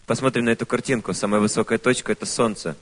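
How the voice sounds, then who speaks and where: A man interpreting a speech, phrase by phrase, quick and with restarts. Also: mid-range voice, steady tone. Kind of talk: consecutive interpreting.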